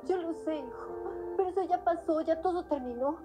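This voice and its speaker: A remorseful middle-aged Mexican mother in a telenovela. She pleads earnestly in a high voice, with loud music underneath. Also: brisk. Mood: pleading, remorseful. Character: remorseful, pleading mother begging her son's forgiveness.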